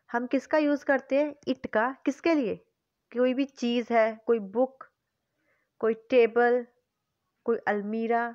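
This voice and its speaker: A woman teaching English grammar with an Indian accent, explaining slowly in English and then repeating quickly in Hindi with questions to the class. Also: a little high, a little mellow, no echo. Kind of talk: bilingual classroom lesson, mixing Hindi and English. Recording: dull, dry lo-fi recording.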